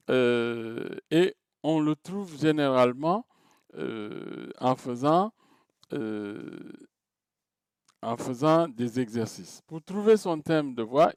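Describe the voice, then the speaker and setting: A man teaching a recorded class, taking his time and pausing often with filler sounds as he works through each point. His voice is plain and close, with a dry, deadened sound and no room echo. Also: fairly high pitch, darkish tone. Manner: hesitant, many filler sounds and restarts; explains step by step, counts items aloud. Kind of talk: recorded lecture to students.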